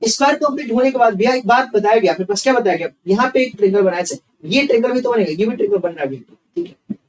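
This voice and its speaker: A man's voice: sits high, animated, racing, recorded from a distance, poor audio. A man teaching reasoning. He works through sums aloud, asks questions and answers them himself, and keeps repeating each step. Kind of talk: online exam-prep class.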